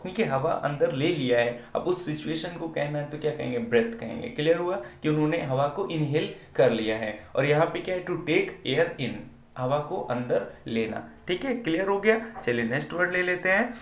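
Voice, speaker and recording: A man's voice: a little high, expressive, a little fast, few pauses, echoey room. A man teaching English vocabulary in an online exam-prep lesson, explaining patiently and asking his students questions he then answers.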